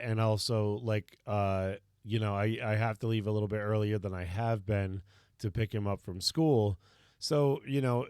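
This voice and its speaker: A man in his thirties, a streamer and parent, chatting casually with a slightly hoarse, tired voice, rambling and reflective with many fillers. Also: lowish voice, dry recording, clean studio sound. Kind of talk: casual live-stream chat.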